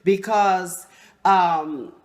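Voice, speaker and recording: A woman's voice: lowish voice, drawn-out words. A woman who leads a nonprofit, speaking in an earnest, encouraging, slightly preachy way in a casual interview. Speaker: nonprofit leader, guest.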